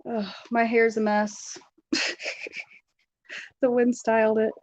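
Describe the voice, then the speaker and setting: A woman's voice: fairly high pitch, flat delivery, takes it slowly, a little mellow, muffled recording. Chatty woman hosting a live stream. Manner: chatty, laughs often, greets viewers by name. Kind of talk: casual live stream chat with viewers. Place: at home.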